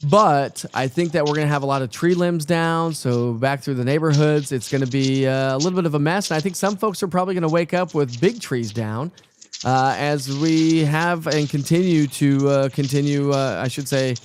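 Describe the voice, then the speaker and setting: A man's voice: a little high, moderate pace, a little hiss or hum. A man presenting live severe weather coverage off the cuff, talking informally and directly to viewers.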